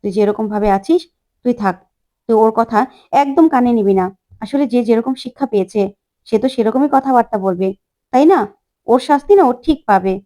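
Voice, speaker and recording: A woman's voice: fairly high pitch, mellow, natural voice. A woman voicing a stern, preachy elderly grandmother in a retold family serial. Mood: comforting. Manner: lecturing, moralizing.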